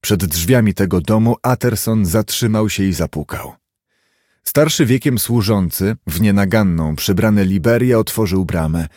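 A man reads a classic novel aloud in a steady, measured way. His voice sits on the low side. The recording is dry and close. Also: no echo. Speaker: audiobook narrator. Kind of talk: scripted narration.

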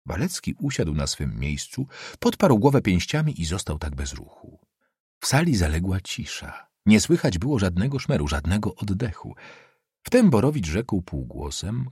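A man reading literary prose aloud as an audiobook narrator, expressive and dramatic. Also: low voice, slightly rough, dry recording, clean studio sound.

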